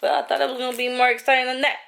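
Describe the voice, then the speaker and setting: A woman's voice: high-pitched, little pitch movement, rapid-fire, creaky, fairly bright tone. A young woman vlogging in a chatty, rambling way, full of fillers and asides, talking to a camera she holds close. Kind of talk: casual chat. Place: in a car, then at home. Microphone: camera held close.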